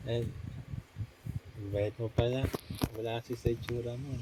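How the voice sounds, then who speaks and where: A woman's voice: very deep voice, fairly even intonation, moderate pace. A woman with a Filipino accent chatting casually as she plays through a game. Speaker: game player. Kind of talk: casual playthrough banter. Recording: loud background noise, clicking.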